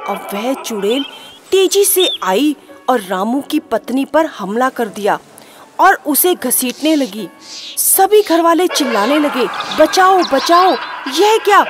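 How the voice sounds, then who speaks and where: A woman narrating a scripted story in a dramatic, suspenseful manner, over background music. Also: high-pitched.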